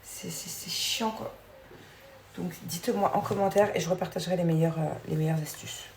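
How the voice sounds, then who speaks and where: A woman's voice: fairly low pitch, steady tone, moderate pace, darkish tone, slight background noise. A woman in her thirties vlogging casually to camera, rambling along with fillers and side comments. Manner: rambling and chatty, lots of fillers and asides.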